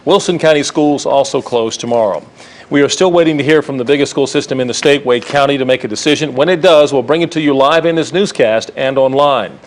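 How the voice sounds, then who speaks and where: A man's voice: medium pitch, a little fast. An American man anchoring a TV newscast, reading scripted news.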